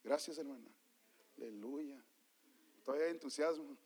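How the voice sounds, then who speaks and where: A man preaching a sermon as a pastor, switching between Spanish and English and calling out to the congregation, quiet one moment and shouting the next. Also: fairly high pitch, normal speed, husky. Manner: swings from quiet to loud, shouting at peaks. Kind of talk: bilingual sermon. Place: church.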